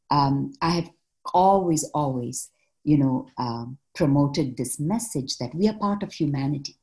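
A Malaysian woman, a social worker and mother, answers interview questions in a deep, warm voice. She is reflective and measured, using frequent fillers.

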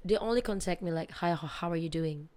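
Female podcast guest, lowish sore-throat hoarseness, conversational, very dry sound. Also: fast, mellow, no room sound. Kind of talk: casual interview chat.

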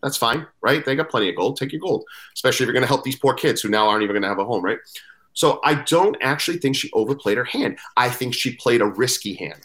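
A man's voice: medium pitch, fast. A man on a podcast panel, chatting casually and playfully arguing his opinion. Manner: animated, argues his case playfully. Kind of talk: casual chat.

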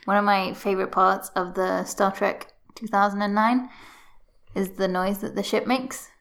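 A woman's voice: mid-range voice, fairly even intonation, moderate pace, gravelly, a bit bright. A woman co-hosting a podcast, chatting casually with a playful manner. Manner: playful, giggly banter. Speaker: podcast co-host. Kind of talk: casual chat.

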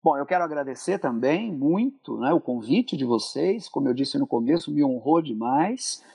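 A man's voice: a little high, lively intonation, moderate pace, creaky, dark tone, breathy edge, dry recording. A Brazilian Portuguese-accented man, a historian guest on a podcast interview, talking enthusiastically with many asides, restarts and tag questions. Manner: enthusiastic, digressive, frequent "né" tags and restarts.

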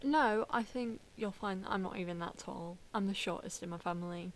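A woman's voice: medium pitch, brisk, slight background noise. A woman co-hosting a chatty podcast, laughing often and trailing off mid-sentence. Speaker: podcast co-host. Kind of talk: casual chat.

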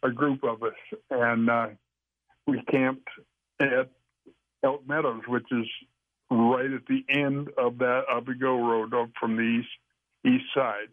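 A man telling a long story as an interview guest, rambling and halting with frequent restarts. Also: medium pitch, little pitch movement, dry recording. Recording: dry, tinny phone line.

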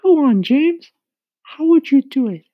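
A man doing a gentle, squeaky lady ladybug. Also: animated, unhurried, dry recording, muffled recording. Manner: gentle, encouraging. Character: gentle kindly female ladybug.

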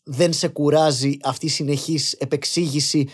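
A young man in casual podcast conversation, arguing his points with animated energy and slipping in English phrases. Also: on the high side. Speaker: podcast guest.

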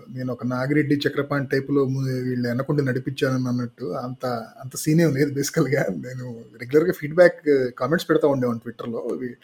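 Husky, gravelly Telugu man chatting modestly. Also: medium pitch, a little mellow. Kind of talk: casual chat.

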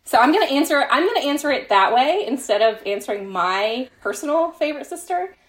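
Speaking fairly quickly in a high voice with big pitch swings, a fan fiction author appears as a podcast guest. She chats casually and pokes fun at herself, frequently quoting back-and-forths as she tells her stories.

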